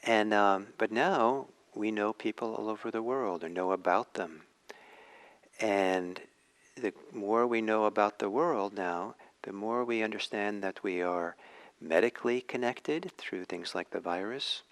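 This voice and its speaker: A man from Norway, giving a reflective dharma talk with many pauses and restarts. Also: on the low side. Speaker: meditation teacher.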